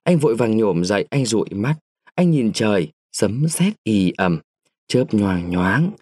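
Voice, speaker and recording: A man reads a short story aloud with a very lively, rising and falling voice, speeding up and slowing down with the action. The sound is dry and close, with no room around it. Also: lowish voice, breathy edge, no echo. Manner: expressive, changes pace with the story. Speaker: narrator.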